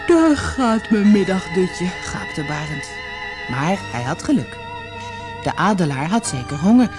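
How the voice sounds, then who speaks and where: A woman narrating a children's fairy tale in a scripted storybook reading, lifting her voice for the characters' lines. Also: sits low. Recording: soft music behind the voice.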